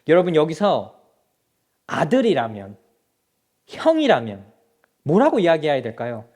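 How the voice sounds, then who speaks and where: A man's voice: on the high side, huge pitch swings, a little slow, a little mellow. A male pastor preaching a sermon in a church, speaking straight to the congregation with rhetorical questions. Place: church sanctuary.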